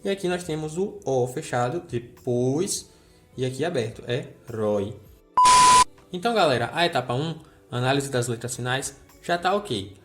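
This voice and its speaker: A man's voice: medium pitch, animated, moderate pace, over music. Man teaching with a friendly tone. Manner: friendly explainer who checks in with the viewer. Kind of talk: recorded grammar lesson.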